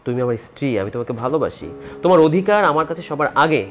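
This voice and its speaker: A man's voice: on the high side, lively intonation, rapid-fire, soft background music, lightly acted. A man playing a henpecked elder brother. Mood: placating. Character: henpecked elder brother, yielding to his wife. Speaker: elder son and husband. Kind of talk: village TV drama acting.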